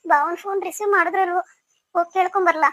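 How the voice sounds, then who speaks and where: Woman doing a grumbling cartoon mother, fretful, quick, bright, dry sound. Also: very high voice, steady tone, no echo. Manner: grumbling and complaining. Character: fretting middle-aged mother, scolding and worried. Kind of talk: cartoon story voice acting.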